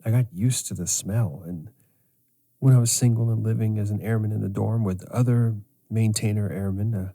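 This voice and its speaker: A middle-aged man hosting a podcast as a sleep coach, speaking in a slow, measured way. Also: fairly low pitch, fairly even intonation, warm tone. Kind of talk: scripted podcast monologue.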